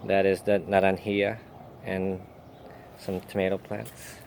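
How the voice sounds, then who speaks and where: A man's voice: sits low, monotone, unhurried, vocal fry, background noise. A man giving a casual, rambling walk-through of his home garden outdoors, with frequent fillers and self-corrections.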